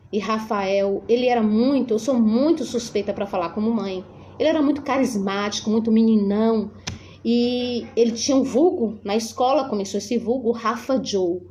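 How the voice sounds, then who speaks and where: A middle-aged woman giving an earnest, emotional religious testimony as a mother, speaking tenderly to her listeners from her home hallway. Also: a little high. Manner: earnest, emotional, addresses listeners warmly as dear ones.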